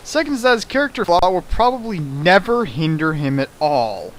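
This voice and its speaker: Hosting a dramatic fan fiction reading, this man gives casual, partly scripted critical commentary in a high, sing-song, fairly bright voice at a moderate pace. He speaks emphatically, jokes around, and repeats himself for effect, with slight background noise present.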